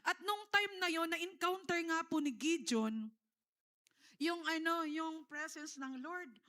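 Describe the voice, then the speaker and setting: Filipino lady pastor preaching, high voice, keeps calling out to the church. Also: animated, slow pace, pushed and bright. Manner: preaching in mixed Tagalog and English, with repeated calls to the congregation. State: tearful. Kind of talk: sermon.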